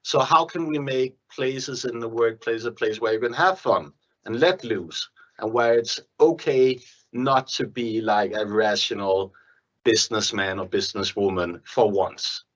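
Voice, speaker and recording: A man's voice: mid-range voice, a little slow, a bit bright. Man on a webinar panel, slightly dull audio. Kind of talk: conversational panel discussion.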